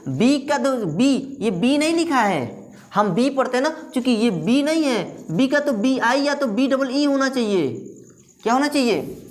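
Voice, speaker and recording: Woman teaching english letter sounds in hindi, keeps asking and answering her own questions. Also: on the high side. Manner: repeats questions and answers them herself; drills letter sounds slowly. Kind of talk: classroom lesson.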